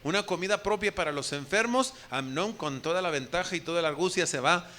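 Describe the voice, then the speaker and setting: A man's voice: a little high, a little fast, bright, forceful tone, a little hiss or hum. A man preaching a sermon as a pastor, asking the congregation direct questions and acting out the quoted speech of the people in his story.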